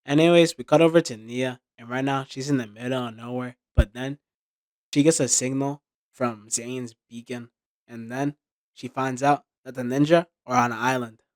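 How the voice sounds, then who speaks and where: A man's voice: mid-range voice, steady tone, normal speed, no room sound. A young man giving casual recap commentary in a sarcastic, slangy, informal way. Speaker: video commentator.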